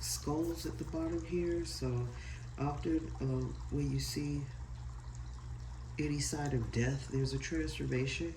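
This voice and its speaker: Set back from the mic in an echoey room, a stuffy-nosed tarot reader with a head cold talks apologetically and casually, reading passages from a guidebook. The voice is mid-range and mellow, with a little hiss or hum.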